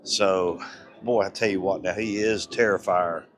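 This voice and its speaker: A man live-streaming as he walks through an outdoor theme park at night, excited and a little breathless, rambling and chatting with passersby on a handheld phone. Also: deep voice, measured pace. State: slightly breathless. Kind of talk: casual walking live-stream chat.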